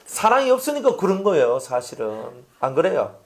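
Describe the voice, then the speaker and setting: A pastor preaching a sermon, chatty and animated, asking his congregation rhetorical questions. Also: a little high, normal speed.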